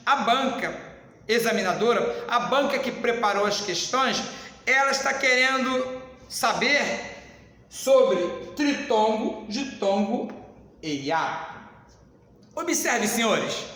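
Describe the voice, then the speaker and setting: High-voiced guy teaching grammar, slow and emphatic, big echoey room with long reverb. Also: sharp tone. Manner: slow, emphatic, addresses class as "senhores". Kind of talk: classroom grammar lesson.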